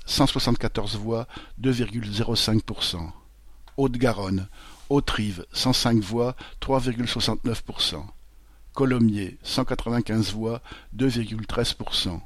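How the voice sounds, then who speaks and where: A lowish-voiced man reads election results in a slow, measured cadence, figure after figure. The sound is dry and close, with no room around it. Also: dry recording. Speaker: results reader.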